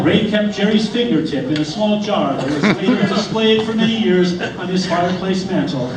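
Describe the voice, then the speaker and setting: Echoey high-voiced man giving a mock eulogy. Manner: tongue-in-cheek, mock-solemn storytelling. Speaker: speaker giving a comic eulogy. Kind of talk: mock eulogy speech to a live gathering. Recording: echoey, noisy room, distant mic.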